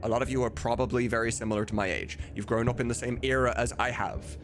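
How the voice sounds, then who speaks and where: A man in his thirties, a live streamer who makes game dubs, chats casually and candidly on stream, rambling as he goes. His medium-pitched voice is fast with fairly even intonation, and music plays behind him amid background noise.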